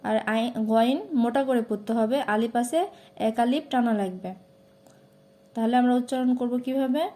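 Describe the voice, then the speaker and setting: A woman's voice: on the high side, normal speed, mellow. A woman with a Bangladeshi Bengali accent teaching Quran pronunciation, stretching out each syllable as she recites. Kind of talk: slow pronunciation lesson.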